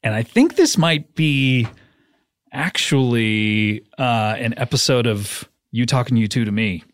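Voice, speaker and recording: Animated, playful man hosting a podcast. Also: mid-range voice, measured pace, dry recording. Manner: jokey, playful bits and silly voices. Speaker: podcast host. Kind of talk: comedic casual chat.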